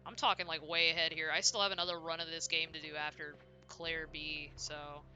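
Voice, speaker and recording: Bright-voiced woman streamer chatting over gameplay. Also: low voice, level tone, a little fast, highs cut off, soft background music. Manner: chatty, self-deprecating, reacting aloud. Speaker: streamer playing a horror game. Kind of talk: casual gameplay commentary.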